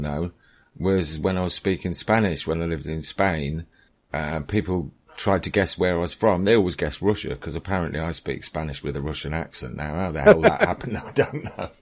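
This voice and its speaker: A man hosting an internet radio interview, chatting in a loose, conversational way. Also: sits low. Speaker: radio host.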